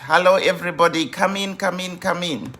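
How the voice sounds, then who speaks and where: A woman in her fifties, a grief coach hosting a live stream, welcoming viewers over and over in an unhurried way with many fillers. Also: lowish voice, a bit bright. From Zimbabwe.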